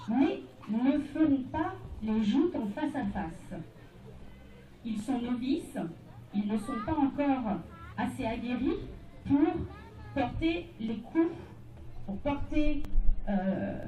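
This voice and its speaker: A woman announcing a live medieval tournament show, proclaiming in short phrases with pauses between them. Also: sits high, dark tone. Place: outdoors at a castle tournament ground. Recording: roomy, distant PA sound with crowd noise.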